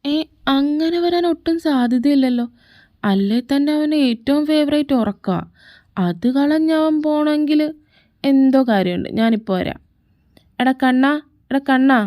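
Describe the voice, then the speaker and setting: A bossy young man who needles his little brother with sarcastic jabs, as a woman reads him in a fan fiction audio story. The voice sits fairly high and the talk stays nagging and mocking. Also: expressive, a little slow, long pauses, mellow, dry recording, studio quality.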